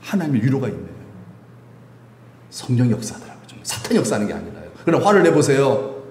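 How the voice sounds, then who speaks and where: A middle-aged male pastor preaching a sermon in a church, lively and humorous, often asking the congregation questions. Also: medium pitch, quick pace, a little hiss or hum. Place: church sanctuary. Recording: echoey room, faint ambience.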